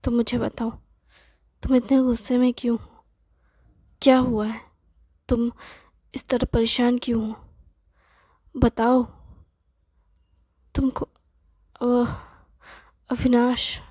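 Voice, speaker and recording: A woman's voice: fairly high pitch, flat delivery, slow pace, pauses often, warm tone, slightly rough, no room sound, clean studio sound. A woman voicing a worried young man who keeps pressing his girlfriend with urgent questions.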